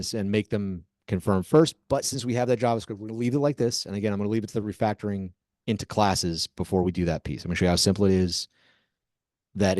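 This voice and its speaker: Low-voiced man dictating code slowly. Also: a little mellow, no room sound, clean studio sound. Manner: dictating code word by word, with deliberate pauses. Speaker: programming instructor. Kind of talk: live coding lesson.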